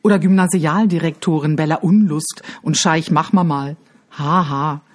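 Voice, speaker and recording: A woman's voice: deep voice, steady tone, moderate pace. A woman voicing a sensible boy who grumbles at his friends' silliness in a storybook. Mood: annoyed. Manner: grumbling and critical. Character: sensible, easily annoyed boy.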